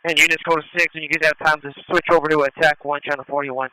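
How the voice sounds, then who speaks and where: A man's voice: on the high side, little pitch movement, quick pace, bright, forceful tone, low-quality recording. A man doing police radio traffic in terse call-sign phrases, heard over a two-way radio with bursts of static. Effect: two-way radio transmission with static bursts.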